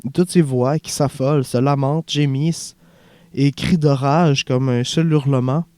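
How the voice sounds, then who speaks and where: A man voicing a young male refugee who dreams of acting, earnest and haunted, in a soft confiding way, for an audiobook. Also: medium pitch, fairly even intonation, measured pace, no room sound, studio quality, lightly acted.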